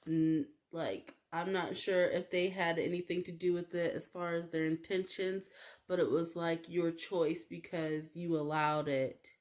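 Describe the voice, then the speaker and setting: Slow, flat-voiced woman reading tarot. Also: lowish voice. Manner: halting, full of "like" and "um" fillers. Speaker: tarot reader. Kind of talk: casual tarot card reading.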